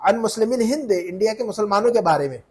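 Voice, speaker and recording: A man teaching Arabic grammar in a one-on-one lesson, explaining slowly and repeatedly asking his student questions. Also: sits high, expressive, slightly rough. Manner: patient, repeats and quizzes the student.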